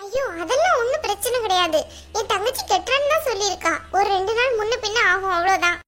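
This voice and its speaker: A woman's voice: very high-pitched, animated, fast talker, a bit bright. A woman voicing a meek, tearful poor student. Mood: flustered. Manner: hesitant, pleading, tearful. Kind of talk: cartoon dub acting.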